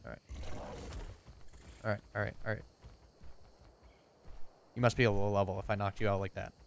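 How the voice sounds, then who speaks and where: A man's voice: on the low side, moderate pace, gravelly, a little hiss or hum. Chatty man commenting on his gameplay. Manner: chatty, excitable, talks to viewers and game animals. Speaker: gameplay streamer.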